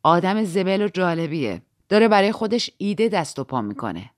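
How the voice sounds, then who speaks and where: A woman's voice: fairly low pitch, big pitch swings, no room sound, clean studio sound. A woman voicing a frank, easygoing nobleman husband in a plain tone.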